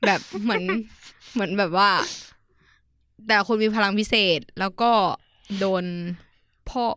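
Young female podcast co-host, bright, lively storyteller, casual and crude. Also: mid-range voice, measured pace, clear, resonant tone, no echo, clean studio sound. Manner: lively storyteller, acts out quoted voices, crude slang. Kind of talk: casual chat among friends.

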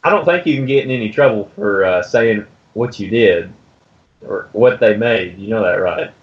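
A man in casual chat who speaks in a hesitant, halting way. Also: fairly low pitch. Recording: dull lo-fi recording.

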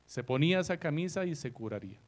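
A man preaching a sermon who asks his listeners rhetorical questions, slows down to repeat key lines for emphasis, and swings between soft remarks and loud, emphatic phrases. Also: on the high side, expressive.

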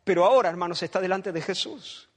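A man's voice: sits high, fast talker, husky. A man from preaching a sermon, dramatic and emphatic, repeating phrases and acting out voices from the story.

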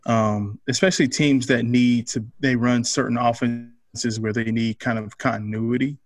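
A man co-hosting a casual sports podcast, talking through his predictions in a relaxed, analytical way with loose phrasing and fillers. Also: medium pitch, moderate pace, no room sound. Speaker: podcast co-host.

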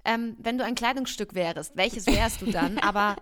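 A woman's voice: mid-range voice, normal speed, fairly bright tone. A young woman co-hosting a podcast, chatting casually and telling a rambling story with frequent giggles. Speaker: podcast co-host.

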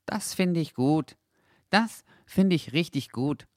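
A man voicing an eager, proud little male dachshund in a storybook, talking in a bouncy, high-pitched, excited way. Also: unhurried, no echo, clean studio sound. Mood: gleeful.

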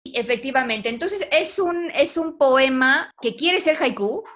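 A woman's voice: high-pitched, expressive, unhurried, fairly bright tone. A woman teaching a poetry class online, patiently quizzing her students. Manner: patient, asks the class questions.

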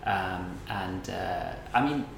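A man's voice: low-pitched, takes it slowly, vocal fry. A man hosting a casual chat, rambling and reflective with many fillers. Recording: roomy echo, background noise.

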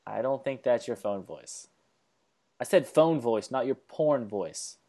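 A man's voice: medium pitch, lively intonation, measured pace, mellow. Joking man co-hosting a movie podcast. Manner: joking, teasing, rambling with restarts. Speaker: podcast co-host. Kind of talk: casual movie-review podcast chat.

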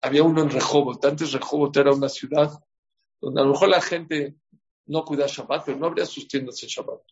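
Man giving a sermon, gravelly voice. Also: a little high, fairly even intonation, brisk, darkish tone. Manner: storytelling, asks the audience questions. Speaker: rabbi. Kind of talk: sermon with stories. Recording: dull lo-fi recording.

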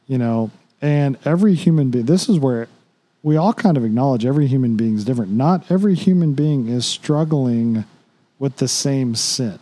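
Middle-aged guy chatting about parenting and faith, warm mellow tone, lots of "you know". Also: mid-range voice, expressive, moderate pace. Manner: conversational, many fillers and "you know".

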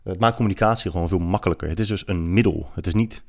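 A man with a very low voice talks alone on his podcast. He argues his opinions firmly, with a lot of hesitant fillers between his points. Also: fast, gravelly, a little mellow. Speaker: podcast host. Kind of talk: solo opinion podcast monologue.

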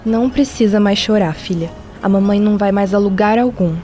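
Casting: woman playing affectionate Brazilian mother in a radio soap, mellow voice, earnest emotion, faint music behind. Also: mid-range voice, fairly quick, close to an everyday voice. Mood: tender, remorseful. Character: tender, emotional mother and singing teacher. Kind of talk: radio soap opera acting.

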